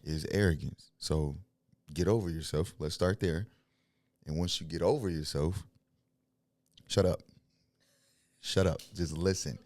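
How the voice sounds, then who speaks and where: A man's voice: very deep voice, moderate pace, darkish tone, dry recording, clean studio sound. A young man talking about his faith in an interview, blunt and preachy, telling stories and laughing often. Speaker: guest, signed music artist. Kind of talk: faith-centered interview talk.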